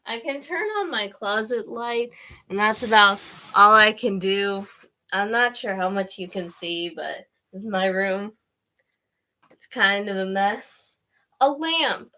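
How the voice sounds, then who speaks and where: Teen girl rambling in her bedroom, lots of likes and ums, slow and unhurried, dry close sound. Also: mid-range voice, bright, forceful tone, no room sound. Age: teens. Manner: rambling, with many "like" and "um" fillers. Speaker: vlogger. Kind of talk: casual chat to camera.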